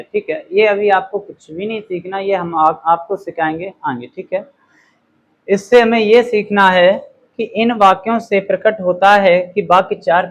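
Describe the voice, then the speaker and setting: A man gives a slow grammar lesson, reading example sentences with great clarity and checking in with an "okay" after every point. His voice is high, and the recording is rough.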